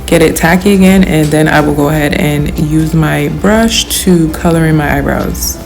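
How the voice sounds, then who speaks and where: A woman's voice: deep voice, moderate pace, music in the background. A young woman giving a casual, chatty makeup tutorial voice-over in informal, slangy, emphatic language. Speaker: beauty vlogger.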